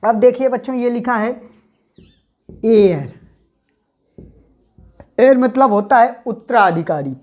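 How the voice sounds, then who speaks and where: Fairly high-voiced woman teacher, grammar class, asks and answers her own questions, drawn-out letter sounds. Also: lo-fi sound. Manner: repeats questions to students and answers them.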